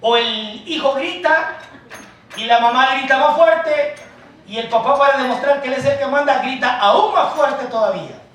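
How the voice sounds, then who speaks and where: A man preaching a sermon as pastor, calling the congregation brothers, swinging from soft asides to loud emphasis. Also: very high-pitched, moderate pace. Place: church hall. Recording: echoey church hall, mic far off.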